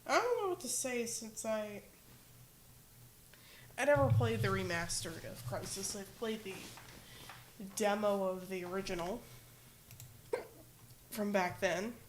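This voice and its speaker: A woman's voice: mid-range voice, animated, unhurried, long pauses, a little hiss or hum. A woman streaming, chatting casually in a rambling, hesitant way with lots of filler words and self-corrections. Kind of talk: casual livestream chat.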